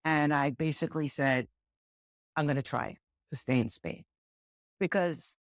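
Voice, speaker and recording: The voice sits low: a middle-aged American woman, director of student housing, being interviewed as a guest in an easygoing conversation. Candid and reflective, she repeats words while searching for them, captured in clean studio sound without echo.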